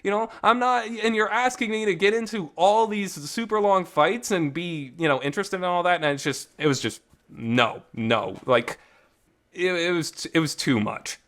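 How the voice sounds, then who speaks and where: In an echoey makeshift home setup, this visual novel reviewer chats unscripted like a podcast, emphatic, colloquial and mildly profane. He talks at a moderate pace in a high, somewhat bright voice.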